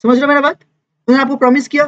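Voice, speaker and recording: Woman teacher lecturing in class, lively, bit high voice, dull lo-fi recording. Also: rapid-fire. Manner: lively, mixes Hindi and English, constant check-ins with students.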